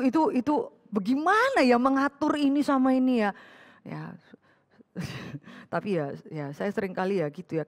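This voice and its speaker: A woman preaching an interactive sermon to a women's fellowship. She asks the listeners questions and acts out quoted speech. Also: medium pitch.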